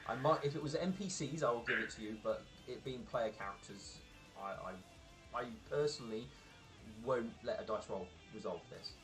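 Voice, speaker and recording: A man's voice: mid-range voice, moderate pace, a bit bright, low-quality recording. Male game master talking over music. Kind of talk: casual tabletop rules talk. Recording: music clearly audible behind the voice.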